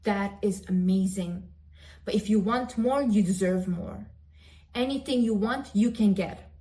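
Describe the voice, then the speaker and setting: A woman's voice: mid-range voice, measured pace, mellow. A young woman giving an emphatic, direct-to-camera motivational pep talk, repeating phrases for emphasis. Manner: talks about herself in the third person. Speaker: motivational vlogger.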